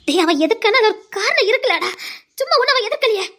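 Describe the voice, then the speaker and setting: A worried middle-aged mother in a TV serial pleads with her sons in a soft, reproachful way. Her voice sits very high even when she speaks low and sorry. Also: a little fast, full character voice. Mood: remorseful.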